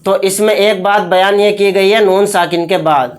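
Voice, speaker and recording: Brisk teacher spelling out syllables slowly. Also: mid-range voice, steady tone. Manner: brisk explanations alternating with slow, drawn-out syllable-by-syllable spelling; asks questions and then answers them. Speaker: Quran reading teacher. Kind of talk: tajweed lesson with spelled-out recitation.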